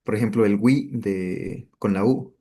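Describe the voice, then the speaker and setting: A man student answering his teacher tentatively on a video call, with pauses and hedges. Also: fairly low pitch, mellow, husky, soft background music.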